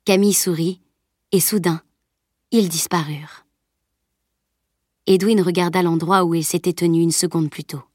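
A woman narrating a novel in an audiobook with a calm, even reading. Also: lowish voice, moderate pace, long pauses, no echo, studio quality. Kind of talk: scripted narration.

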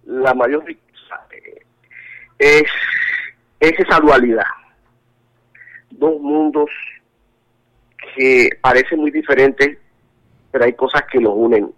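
A Colombian man speaks slowly by telephone during an interview, leaving long pauses in his medium-pitched, fairly bright voice. He comes across as earnest, often faltering and repeating words as he searches for them, over a tinny-sounding line.

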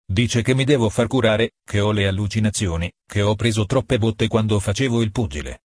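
A man's voice: on the low side, fairly quick, a little mellow, no echo, lightly acted. A man reading the lines of an earnest former boxer who insists on what he has seen, in an audiobook. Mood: insistent. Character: convinced former boxer, a believer in angels.

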